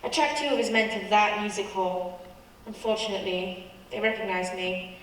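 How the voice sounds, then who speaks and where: In this radio play, a woman portrays a foreign secret agent who is frightened and secretive, with an urgent, hush-hush mood. Her mid-range voice keeps a moderate pace and is lightly acted. Recorded distantly in a very reverberant hall, it carries a little hiss or hum.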